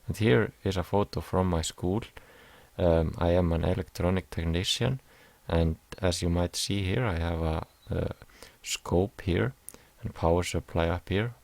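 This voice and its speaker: A man's voice: deep voice, vocal fry, a little mellow, no echo. A young man from Iceland, hesitantly explaining a class assignment over slides, with many fillers. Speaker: music production student.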